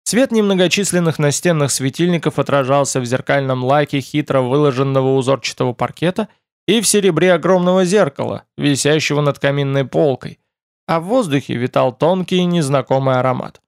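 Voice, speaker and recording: A man narrating an audiobook in a steady, measured reading. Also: fairly high pitch, no echo, clean studio sound.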